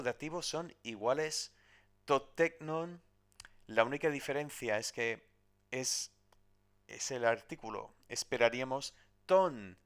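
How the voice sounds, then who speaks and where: A man teaching a recorded grammar lesson, explaining step by step and often checking in with "¿vale?". He drills word forms slowly, syllable by syllable, and corrects himself as he goes. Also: mid-range voice, fairly bright tone, smooth. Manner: self-correcting, with hesitations. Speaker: Greek teacher.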